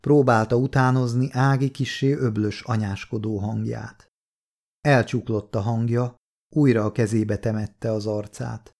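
A man narrating a novel as an audiobook, reading in a calm, measured way. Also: mid-range voice, vocal fry. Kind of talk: scripted narration.

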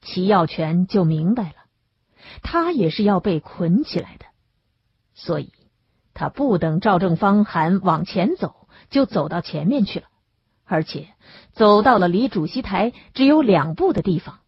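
Husky woman narrating an audiobook. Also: on the low side, a little slow, dry recording. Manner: expressive storytelling. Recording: dull lo-fi dry recording.

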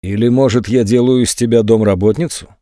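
A man's voice: mid-range voice, brisk, dry recording, studio quality, natural voice. A man doing a cold, jealous, sarcastic man. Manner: calm, cold, mocking.

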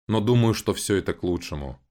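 A man as a calm, serious young man. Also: fairly low pitch, brisk, pitched above the performer's own voice, lightly acted. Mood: resolute. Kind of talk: audiobook voice acting.

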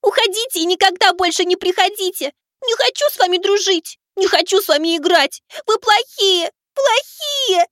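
A man voicing a capricious, grieving little girl who shouts tearfully. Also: very high-pitched, moderate pace, no echo, studio quality, voice pushed up. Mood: sobbing fury.

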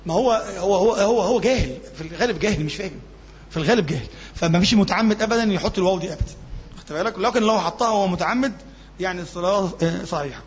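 Fast-talking Egyptian sheikh teaching in a reverberant hall. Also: male voice, high voice, lively intonation. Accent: Egyptian Arabic. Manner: colloquial, asks the class questions and answers them, demonstrates chanting. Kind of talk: classroom religious lesson. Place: mosque classroom. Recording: dull lo-fi recording with long reverb.

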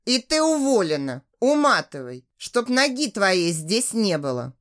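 A woman's voice: fairly high pitch, sing-song, a little slow, fairly bright tone, pitched above the performer's own voice. A woman voicing a cold, curt male deputy restaurant manager in an audiobook. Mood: angry. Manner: cold and clipped.

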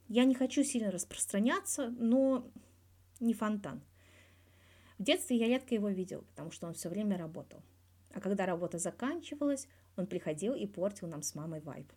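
A woman with a warm, mid-range voice lightly acts the part of a guarded male hockey star in his thirties. In this scripted interview from a fan fiction audio reading, he talks candidly and wryly, colloquial and swearing.

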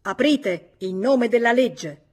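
A woman's voice: medium pitch, moderate pace, close to an everyday voice. A woman reading aloud, voicing a stern, formal male police commissioner in an audiobook. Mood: commanding. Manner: formal, authoritative, insistent.

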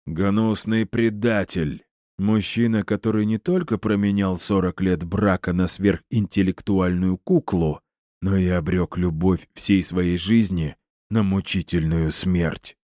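A man's voice: low-pitched, fairly even intonation, a little slow, dry recording, clean studio sound. A man voicing a gleeful, cruel male villain who taunts his captive in a theatrical, mocking way. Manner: mocking, theatrical, rising to shouts.

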